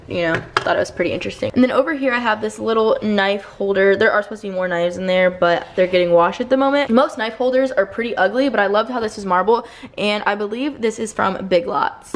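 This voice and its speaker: A young woman vlogger giving a casual home tour, chatty and upbeat, full of "like" and "you know", with a slight lisp. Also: medium pitch.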